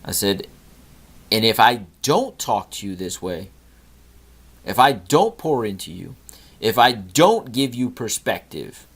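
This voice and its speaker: A man's voice: on the low side, very animated, slow, pauses often, fairly bright tone, breathy edge. A middle-aged man hosting a podcast, telling an earnest story about a talk with his son and lecturing on gratitude. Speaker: podcast host. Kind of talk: storytelling monologue.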